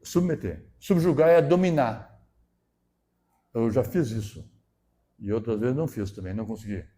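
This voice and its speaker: A male pastor delivering a sermon. He talks in a conversational way, keeps checking in with the congregation, and swells into loud, emphatic bursts. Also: mid-range voice, moderate pace. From southern Brazil.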